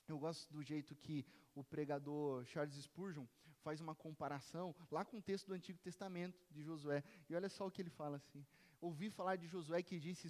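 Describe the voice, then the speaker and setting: High-voiced pastor preaching in an echoey church. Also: male voice. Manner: emphatic preaching, voice rising to shouts when quoting the crowd. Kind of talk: sermon. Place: church sanctuary. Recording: reverberant church hall.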